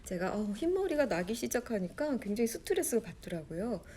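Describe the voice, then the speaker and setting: A woman's voice: on the high side, sing-song, a little fast, mellow. A woman in her forties, an author answering interview questions with a storytelling manner. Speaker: author guest.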